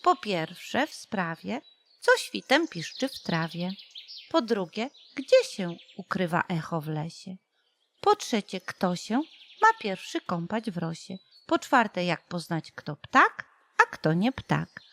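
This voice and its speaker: A woman narrating a rhyming children's audiobook in a slow, playful way, with birdsong behind her. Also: fairly low pitch. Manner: slow, playful, lively intonation. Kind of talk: audiobook poem reading for children.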